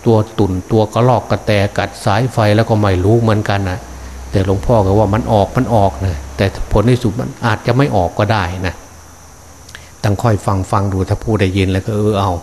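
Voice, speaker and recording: A man's voice: fairly low pitch, steady tone, brisk, a little mellow, a little hiss or hum. An older man, a Buddhist monk, giving a fatherly Dharma sermon with frequent hesitant fillers, speaking to his listeners as his children and grandchildren.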